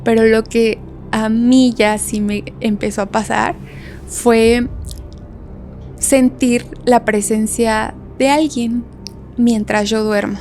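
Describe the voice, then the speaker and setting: Young Mexican woman, podcast guest, animated storyteller, slightly high pitch, faint background noise. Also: slow pace. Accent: Mexican Spanish. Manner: animated, laughs often, acts out voices in quotes. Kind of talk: casual storytelling.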